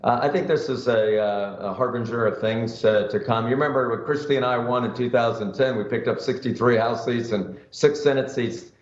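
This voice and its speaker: A man, a former governor, speaking as a news guest with frequent hesitations. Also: medium pitch. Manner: halting, many "uh" pauses. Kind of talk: TV news interview. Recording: roomy, slightly muffled remote feed.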